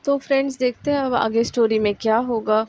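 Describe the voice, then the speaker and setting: A woman's voice: fairly high pitch, fairly even intonation, fairly quick, darkish tone, muffled recording. A woman casually narrating a romantic story, conversational, with fillers.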